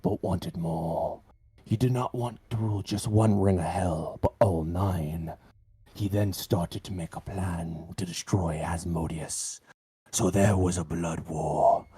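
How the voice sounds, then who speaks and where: A man voicing an ominous demonic lore-giver who warns of hell in slow, solemn tabletop game narration with a husky voice. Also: deep voice, mellow, no room sound, exaggerated voice. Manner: slow solemn dramatic delivery.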